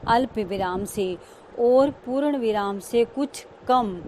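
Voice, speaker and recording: Woman teacher, unhurried, patient explainer, faint traffic in background. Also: a little high, darkish tone. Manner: slow, explains each term and repeats it. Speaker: school teacher. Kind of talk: online grammar lesson.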